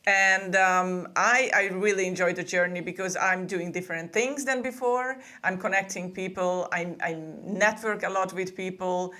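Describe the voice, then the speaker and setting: A woman speaks in a fairly low voice. She talks in a chatty, easygoing way, often restarting her phrases. She sounds like a guest on a remote interview. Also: fairly even intonation, moderate pace, hardly any pauses, sharp tone. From Hungary. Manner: chatty, with frequent laughs and restarts. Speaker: podcast booking agency co-owner, guest. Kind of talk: casual interview conversation.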